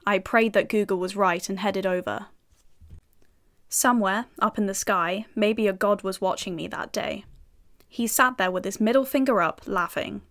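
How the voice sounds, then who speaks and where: A woman's voice: mid-range voice, normal speed, a bit bright, natural voice. British actress as a cocky young female FBI agent narrating her own audio drama, dry sardonic wit, mid-range voice. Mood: wry. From United Kingdom.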